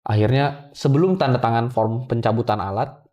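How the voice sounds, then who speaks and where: A man's voice: mid-range voice, moderate pace, mellow, dull audio. A young man telling a painful personal story to an interviewer, often addressing him respectfully as sir. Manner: emotional storytelling, addresses host as Pak often. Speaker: guest.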